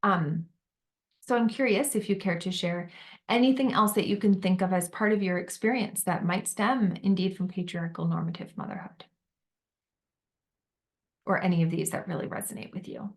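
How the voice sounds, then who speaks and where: Soft-spoken woman leading a group. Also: fairly low pitch, normal speed. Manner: gentle, validating, many fillers. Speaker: workshop facilitator. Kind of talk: facilitating a group discussion.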